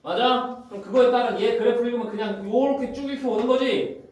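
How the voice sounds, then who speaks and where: A man's voice: very high-pitched, darkish tone. A man teaching math in a classroom, walking through graphs on the board and checking again and again that students follow. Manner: constantly checks students' understanding, brisk and informal. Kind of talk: classroom lecture. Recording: very echoey room, far from the mic, faint noise.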